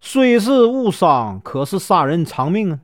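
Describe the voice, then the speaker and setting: A man's voice: high voice, big pitch swings, dry recording. Northeastern guy telling an old story, chatty, voice goes up and down a lot, dry close mic. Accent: Northeastern Mandarin. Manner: chatty, many drawn-out filler particles. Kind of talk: casual storytelling of a classic tale.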